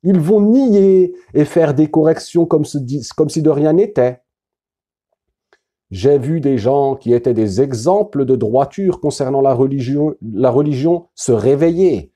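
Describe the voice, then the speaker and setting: A man reading out an anonymous testimony in a solemn, deliberate manner. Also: a little high, lively intonation, mellow. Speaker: former member giving testimony.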